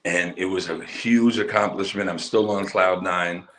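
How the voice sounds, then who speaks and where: A middle-aged man talking as an interview guest about his work, telling his story in an emphatic, animated way. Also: low voice, normal speed, reverberant. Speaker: interview guest, musical poet. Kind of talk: casual conversational interview.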